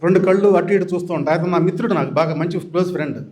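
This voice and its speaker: An older man from Andhra Pradesh tells funny stories from a meeting-hall stage. His voice sits high for a man, and he slips into the voices of the people in his tales as he goes. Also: rapid-fire, a little mellow. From Andhra Pradesh, India. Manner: storytelling, acting out quoted voices. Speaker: speaker at a public meeting. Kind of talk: humorous anecdotes told to an audience.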